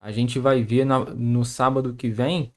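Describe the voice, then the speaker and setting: Slow, measured live-stream co-host. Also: mid-range voice, flat delivery, a little mellow. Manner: measured and explanatory, ending points with "tá?". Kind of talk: explanatory live-stream talk.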